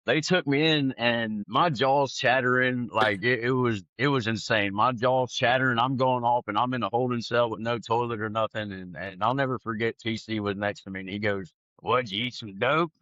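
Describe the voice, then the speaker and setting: A man telling his testimony in an animated, conversational way. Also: mid-range voice, moderate pace, hardly any pauses, dry recording, lo-fi sound. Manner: animated, acts out other people's lines. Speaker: guest sharing his testimony. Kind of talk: conversational storytelling.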